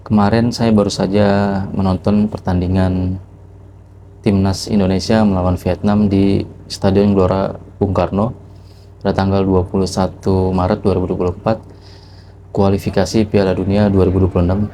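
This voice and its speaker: A man's voice: low-pitched, flat delivery, normal speed, pauses often, dark tone, slight background noise. A man telling a reflective motivational story to the camera, asking rhetorical questions as he goes. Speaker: vlogger.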